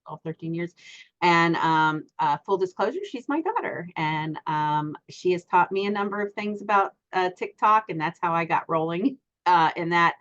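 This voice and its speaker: A middle-aged woman with a low voice hosts an online class over a group voice call. She speaks haltingly and often stops on um and uh. The call audio is muffled and lo-fi. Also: a bit bright. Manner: halting, many ums and uhs. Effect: heard over an online group voice call. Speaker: class host.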